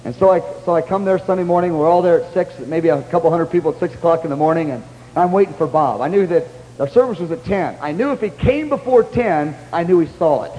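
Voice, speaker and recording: Male preacher, high-pitched and animated, lively testimony storytelling, reverberant church hall with faint hum. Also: fast talker. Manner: animated storytelling, breaks into high excited exclamations. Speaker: pastor. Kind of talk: sermon testimony.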